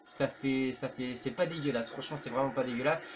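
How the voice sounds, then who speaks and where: A man's voice: medium pitch, a little fast. A man giving casual, rambling commentary on a horror video game, full of hesitations and slang. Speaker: let's play commentator. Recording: faint background noise.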